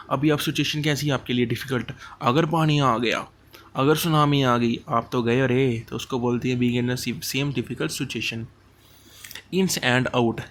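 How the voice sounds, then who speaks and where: A man teaches exam idioms in a relaxed, chatty lecture, mixing Hindi and English and spelling out meanings through everyday examples. His voice sits at an ordinary middle pitch. A faint hiss of background noise runs under the recording. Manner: explains idioms with homely examples, slow at English phrases.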